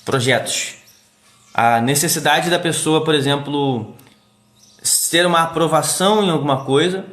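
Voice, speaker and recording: A middle-aged man from Brazil, a therapist hosting a casual live stream, talking in an animated way and acting out quick quoted voices. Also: a little high. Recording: echoey room.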